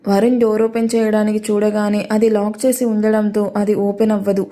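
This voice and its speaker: A woman narrating a serialized romance story in a steady, expressive reading. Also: mid-range voice, fairly quick.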